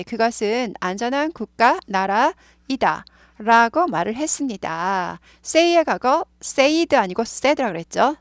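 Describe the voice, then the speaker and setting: A woman teaching English grammar in a casual spoken lesson, chatty, with many fillers, slowly repeating words as she explains. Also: medium pitch, no room sound.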